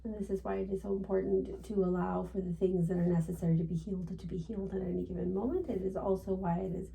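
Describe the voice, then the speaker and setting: A woman's voice: mid-range voice, flat delivery, fast, creaky, warm tone, distant mic, a little hiss or hum, low-quality recording. A woman seance medium voicing a channeled spirit guide, formal and serene, in stilted instructive phrasing with questioning tags. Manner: formal, stilted phrasing, frequent tag "yes?".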